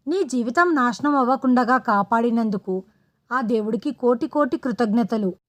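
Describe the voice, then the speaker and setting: A woman voicing a protective father who explains himself calmly and firmly to his daughter. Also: a little high, moderate pace, close to an everyday voice. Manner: soothing, explaining. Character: protective older father, calm and firm.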